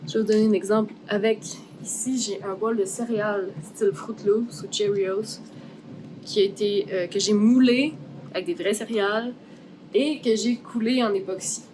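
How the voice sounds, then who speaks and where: Her mid-range, slightly mellow voice moves at a moderate pace with fairly even intonation, over some hiss or hum in a low-quality recording. This craft artist and vlog host, who has a Québécois French accent, casually walks through her steps in her art workshop, thinking aloud and slipping in English words while music plays behind her.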